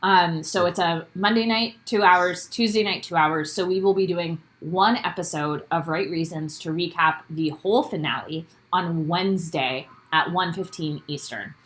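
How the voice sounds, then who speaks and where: A young woman with a lowish voice talks at a normal speed with hardly any pauses while co-hosting a live-streamed recap podcast from her bedroom. The chat is casual and upbeat; she laughs a lot and greets viewers by name.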